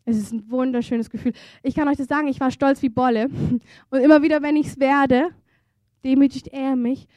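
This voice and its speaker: A woman preaching a sermon at a church service, earnest and intimate, moving between hushed softness and fervent emphasis. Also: high-pitched, steady tone, brisk, dry recording.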